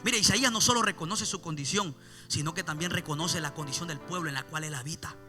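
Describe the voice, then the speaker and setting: A man preaching an impassioned evangelical sermon, repeating his refrains and swelling loud, then dropping low. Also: quick pace, soft background music. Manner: impassioned, repeats "mi amado hermano".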